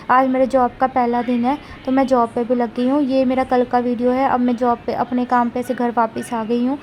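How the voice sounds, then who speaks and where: Woman vlogger, high voice, rambling home chat into a phone camera, faint room noise. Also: a little mellow. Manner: talkative, rambling, frequent tag questions. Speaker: vlogger, mother. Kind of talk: casual chatty daily vlog.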